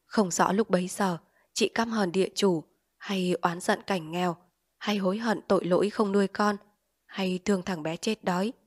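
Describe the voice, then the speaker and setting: A woman's voice: mid-range voice, steady tone, no room sound, clean studio sound. Woman reading a short story aloud. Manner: measured, phrase-by-phrase storytelling.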